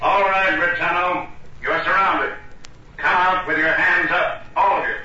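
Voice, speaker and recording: An actor playing a stern district attorney in a 1940s radio drama, ordering criminals to surrender through a loudspeaker on a sound truck. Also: male voice, sits high, fairly even intonation, measured pace, recorded from a distance, dull audio, a little hiss or hum, full character voice. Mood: commanding. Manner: commanding, loud. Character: stern crime-fighting district attorney, middle-aged man. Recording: old radio broadcast, echoing through a loudspeaker.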